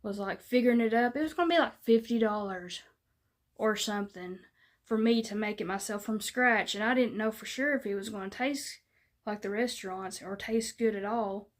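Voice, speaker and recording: A woman's voice: mid-range voice, normal speed. A woman chatting casually to her viewers in a folksy, rambling way, with lots of fillers. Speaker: vlogger. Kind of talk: casual chat to camera.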